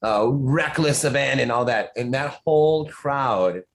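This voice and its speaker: A man's voice: medium pitch, measured pace, rough recording. A man who writes horror, a podcast guest talking in casual chat, rambling and restarting his sentences often.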